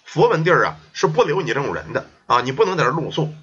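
A man voicing a stern but kindly old male Taoist priest, talking in slow grave warnings. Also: a little high, big pitch swings, a bit bright, slightly rough, voice pushed down, full character voice. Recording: dull lo-fi recording.

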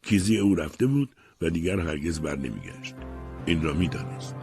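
A man narrating a novel as an audiobook reader in measured storytelling. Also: deep voice, sing-song, creaky, a little mellow, faint music behind. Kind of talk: scripted narration.

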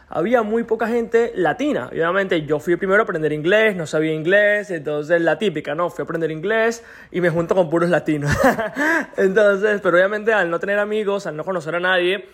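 A man's voice: high voice, a little fast, a bit bright. A man in his thirties hosting a podcast, telling a story in a chatty way and often checking in with the listener. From Venezuela. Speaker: podcast host. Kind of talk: casual podcast monologue.

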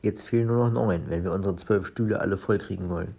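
A man putting on a proud, lively robber's wife from a storybook, a little higher and louder than his usual low, gravelly voice. She sounds bright and chirpy, and her voice has a husky grain. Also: fast, exaggerated voice. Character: proud, cheerful robber's wife, adult woman. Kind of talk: storybook reading.

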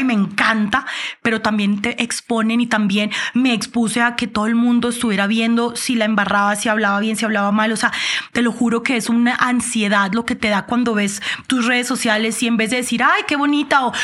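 A woman in her thirties, born in Miami and raised in Colombia, talking expressively as a guest in an interview. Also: a little high. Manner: animated, expressive storytelling with frequent "o sea". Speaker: guest, TV host and actress. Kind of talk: casual interview chat.

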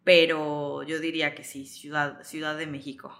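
A young woman from Yucatán, Mexico, a content creator chatting in an interview, with a softened Yucatán accent, laughing often and acting out quoted dialogue. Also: deep voice, level tone, moderate pace. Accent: Yucatán Spanish, softened. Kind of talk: casual interview chat.

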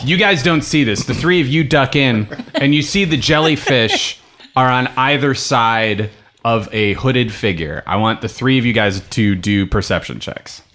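A man's voice: mid-range voice, animated, measured pace, fairly bright tone, slight background noise. A man narrating as game master of a tabletop role-playing game, loose and rambling with lots of fillers.

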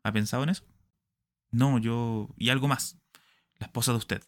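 A man's voice: mid-range voice, fairly even intonation, moderate pace, close to an everyday voice. A man voicing a resentful male puppet double that complains about being shut away. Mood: earnest. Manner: complaining, aggrieved.

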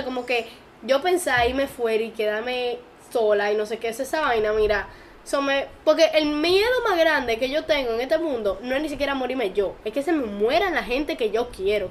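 A woman's voice: sits high, lively intonation, a little fast, fairly bright tone, slight background noise. A young woman speaking in emphatic, heartfelt casual chat.

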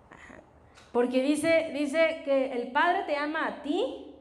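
A woman with a high voice gives a Bible teaching talk at an unhurried pace. She often poses questions and answers them herself, dropping in "ajá" again and again. The recording is roomy and echoey. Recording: roomy echo.

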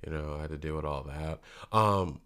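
A man's voice: rumbling low, brisk, pushed and bright, clean tone. A young man co-hosting a podcast, chatting casually in a laid-back way with dry joking asides. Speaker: podcast co-host. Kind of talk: casual chat.

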